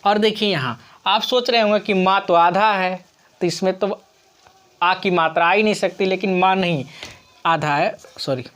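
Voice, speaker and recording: A woman's voice: mid-range voice, a bit bright. A woman teacher explaining grammar rules on screen, patiently asking questions and answering them herself. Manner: slow, patient, asks and answers her own questions.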